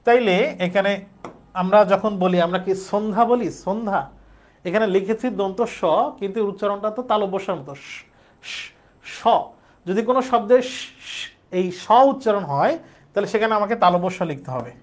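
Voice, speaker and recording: A man's voice: sits high, fast talker. A young man teaching an exam-prep grammar lesson, explaining step by step and repeating words aloud.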